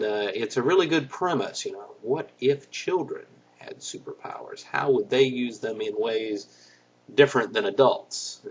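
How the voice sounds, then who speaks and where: A man giving a casual show-and-tell review of comic books in a relaxed way, stopping often with "uh" and "um". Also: medium pitch, husky, highs cut off. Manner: relaxed, stops often with fillers.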